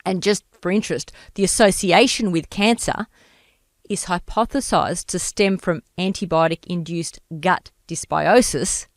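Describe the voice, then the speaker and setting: A woman with a slightly croaky voice, presenting a scripted health podcast in a measured, explanatory way. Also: on the low side, no room sound, clean studio sound. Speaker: podcast host, doctor.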